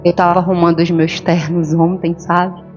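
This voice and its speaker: A woman's voice: on the low side, little pitch movement, normal speed, a little mellow, highs cut off, faint music behind. A woman pastor preaching a sermon, telling her story with emotion and acting out the dialogue. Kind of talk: sermon testimony. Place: church service.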